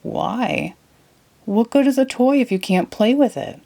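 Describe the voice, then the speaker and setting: A woman voicing a childlike, slow-witted but enthusiastic male cartoon starfish in a storybook. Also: fairly high pitch, lively intonation, vocal fry, dark tone, pitched above the performer's own voice, full character voice. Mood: confused. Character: dim, friendly, childlike male cartoon starfish best friend.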